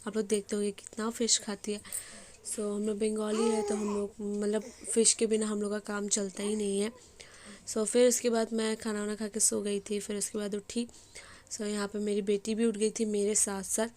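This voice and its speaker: A young woman with a hoarse voice, chatting casually as she narrates her day in a home vlog. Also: medium pitch, flat delivery, moderate pace, mellow, a little hiss or hum. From Bengali family. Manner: chatty, rambling with fillers. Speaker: vlogger.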